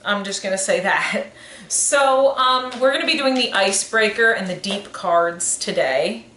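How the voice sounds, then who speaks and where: She is a podcast co-host in her twenties whose mid-range voice moves at a measured pace, bright and forceful. The talk is casual and rambling, with frequent self-corrections. Faint noise and room echo sit in the background.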